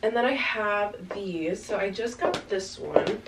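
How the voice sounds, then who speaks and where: A woman in her twenties vlogs about fashion, trying on outfits in her small bedroom in front of a backdrop. She talks casually and a little slowly in a medium pitch, slightly raspy from congestion and rambling with plenty of fillers. The camera mic, a few meters off, sounds slightly distant with faint room noise.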